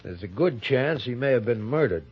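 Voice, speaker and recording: A plain-talking police sergeant in an old radio mystery. His husky voice rises and dips freely as he asks halting, folksy questions. The recording is muffled and dated. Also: medium pitch, animated. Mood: folksy, inquisitive. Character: plain-spoken, folksy male police sergeant, inquisitive and hesitant. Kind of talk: 1950s radio drama acting.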